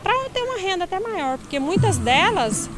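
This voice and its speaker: High-voiced woman teacher explaining workshops. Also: very animated, over loud music. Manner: explanatory, halting restarts. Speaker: adult education teacher. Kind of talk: street interview. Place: outdoor fair at night. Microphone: handheld reporter mic.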